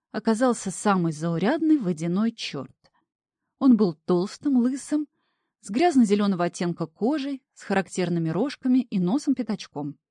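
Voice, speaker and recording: Lively woman narrating a fairy tale. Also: medium pitch, no room sound, studio quality. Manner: animated, playful. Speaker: audiobook narrator. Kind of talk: lively first-person storytelling.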